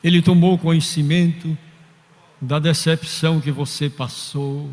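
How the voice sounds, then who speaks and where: Brief: pastor, high voice, slow deliberate fervent sermon, church hall reverb. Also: male voice, steady tone, a little mellow. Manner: fervent preaching with story-telling and quoted voices.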